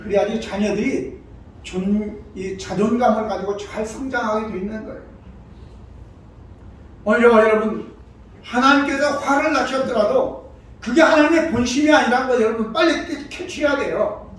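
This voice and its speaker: A man gives a sermon in a high, lifted voice, hammering home his points with sudden loud surges. The church sanctuary booms with long echo, and the mic sits far from him. A faint hiss lies under the recording. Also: normal speed. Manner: emphatic, acts out quoted voices with sudden loud rises. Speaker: pastor. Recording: very echoey hall, mic far off, faint background noise.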